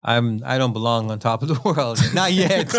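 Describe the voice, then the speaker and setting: A man's voice: medium pitch, expressive, normal speed. A man chatting casually as a podcast guest, rambling and laughing often, trailing off mid-sentence. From USA.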